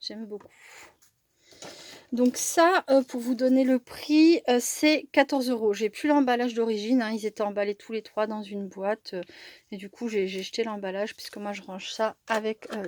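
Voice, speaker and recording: Going through her craft supply haul in a casual chat, this woman vlogger hesitates a lot, filling gaps and restarting her sentences. She speaks at a moderate pace in a slightly high voice.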